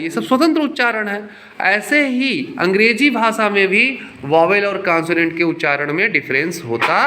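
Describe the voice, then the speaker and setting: High, bright-voiced male teacher. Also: reverberant. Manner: explains slowly, repeats points, quizzes students. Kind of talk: classroom teaching in Hindi and English. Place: classroom.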